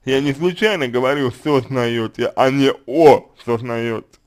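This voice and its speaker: A man answering a listener's question as a consultant, unscripted, calm and hesitant, with many fillers and restarts. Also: mid-range voice, measured pace. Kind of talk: unscripted spoken advice.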